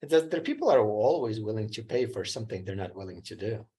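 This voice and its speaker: Animated and fast, a middle-aged man from Ukraine recounts his story as a guest entrepreneur in a casual interview. His lowish voice is mellow and slightly rough, and his plainspoken English is slightly broken, with a Ukrainian accent.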